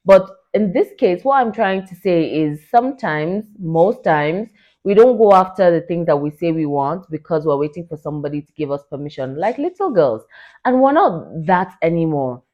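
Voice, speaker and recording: A young woman in her late twenties hosts a solo podcast with excited, chatty energy. She pitches her voice fairly low and scatters "like" and "you know" through her talk. The recording sounds dull and lo-fi. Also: moderate pace. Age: 20s. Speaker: podcast host.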